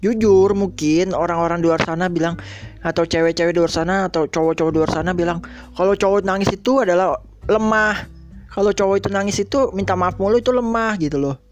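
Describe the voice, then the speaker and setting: A young man talks through his hardships on a podcast in a high, heartfelt voice. He is earnest and speaks to listeners as friends. Faint guitar music plays under him. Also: fast. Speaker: podcast host. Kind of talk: personal sharing monologue. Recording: soft guitar music behind. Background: soft guitar music.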